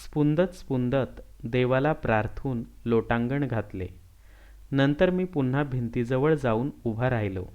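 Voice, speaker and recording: Give me a man narrating an audiobook at an unhurried pace, with a slightly muffled sound. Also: medium pitch, clean tone. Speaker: audiobook reader. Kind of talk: reading a classic novel aloud. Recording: slightly dull lo-fi recording.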